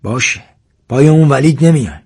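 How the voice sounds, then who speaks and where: A man voicing a calm older village leader in a storybook reading, with a husky voice. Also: medium pitch. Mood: steady.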